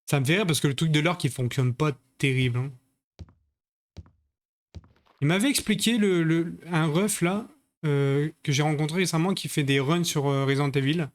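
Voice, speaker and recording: A man's voice: on the high side, fairly quick. A man streaming a video game live, chatting with his viewers in crude, joking banter. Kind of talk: live-stream gaming commentary.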